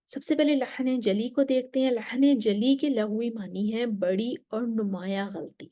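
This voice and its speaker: A woman leads a Quran recitation lesson, explaining slowly and with care, reciting Arabic between points and adding a few soft whispers. Her voice is on the high side with fairly even intonation, and the recording sounds muffled.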